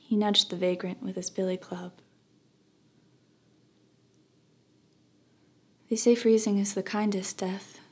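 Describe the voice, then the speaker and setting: A young woman acting a dramatic monologue as a grieving daughter, with a sorrowful, measured delivery and hushed phrase endings. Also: mid-range voice, fairly even intonation, breathy edge, natural voice. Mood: quiet sorrow. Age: young adult. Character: grieving daughter recalling her dead father, wistful and sorrowful. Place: plain studio, indoors.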